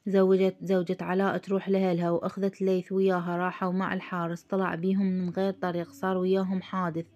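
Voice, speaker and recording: A man's voice: high-pitched, completely flat delivery, fast, a little mellow, highs cut off. A woman voicing a playful Iraqi man who spins tall tales, speaking in Iraqi Arabic.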